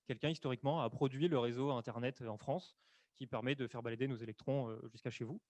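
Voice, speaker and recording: A man explaining economics in a webinar, speaking quickly and filling his sentences with hesitations and self-corrections. The sound is dry and close, recorded on a desk microphone at his computer. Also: mid-range voice, fairly even intonation, darkish tone, dry recording. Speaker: webinar presenter. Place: room at home or office, on camera.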